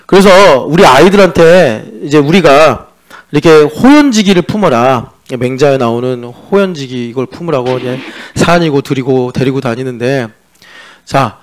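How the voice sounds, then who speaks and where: Joking Korean pastor, fairly high voice. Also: male voice. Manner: conversational and joking, teasing the congregation; mixes in sung-style English lyric lines. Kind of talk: sermon. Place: church sanctuary.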